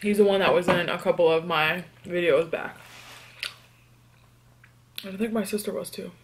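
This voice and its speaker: A young woman from New York doing a casual eating vlog. She answers tag questions and hums between bites in a relaxed, chatty way. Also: lowish voice, moderate pace, a little hiss or hum. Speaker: mukbang vlogger.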